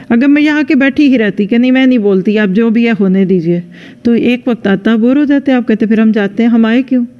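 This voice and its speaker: A woman religious teacher giving a conversational lecture into a microphone, speaking straight to her listeners and acting out sample dialogues. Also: on the high side. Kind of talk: religious lecture to a women's audience. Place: lecture venue with a live audience. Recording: dull lo-fi sound with long hall reverb.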